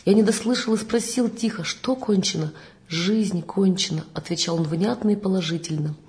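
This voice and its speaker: A woman reading a memoir passage aloud in a measured, deliberate manner. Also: medium pitch, darkish tone.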